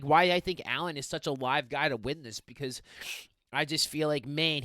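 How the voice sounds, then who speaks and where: Young male host, excitable, slangy, rambling; slightly high, smooth voice, dry close mic. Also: no echo. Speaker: MMA fight picks host. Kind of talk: casual fight preview monologue.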